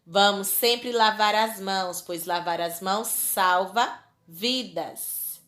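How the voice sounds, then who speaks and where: A woman teacher giving a lesson to young children. She speaks in a slow, clear dictating manner, stretching out each example word, with a Brazilian Portuguese accent. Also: medium pitch, a bit bright, reverberant.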